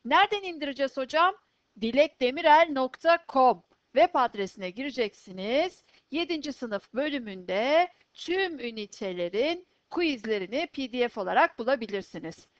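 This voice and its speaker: A woman teaching an English vocabulary lesson, slowly and clearly pronouncing each word twice for students to repeat. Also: on the high side, expressive, no room sound, dull audio.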